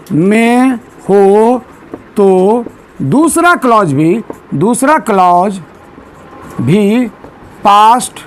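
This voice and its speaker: A male teacher giving a grammar lesson in a classroom, drilling students with repeated questions and asking them to answer loudly. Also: sits high, slight background noise. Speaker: English teacher.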